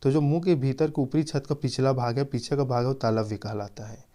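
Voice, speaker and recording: Mellow-voiced man teaching exam questions. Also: medium pitch, steady tone. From Chhattisgarh, India. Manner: explains slowly and repeats key points. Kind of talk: quiz-style exam lesson.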